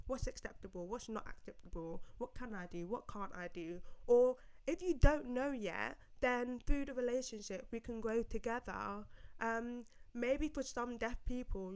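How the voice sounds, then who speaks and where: A woman's voice: mid-range voice, smooth. A young woman co-hosting a casual podcast chat, talking emphatically and acting out quoted lines. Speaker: podcast co-host.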